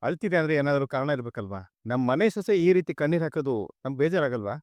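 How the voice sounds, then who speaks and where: A man playing a calm elderly head of family. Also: fairly high pitch, quick pace, dry recording, close to an everyday voice. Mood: concerned. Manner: calm, reassuring. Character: concerned older male head of family. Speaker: father-in-law and head of the house. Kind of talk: television serial acting.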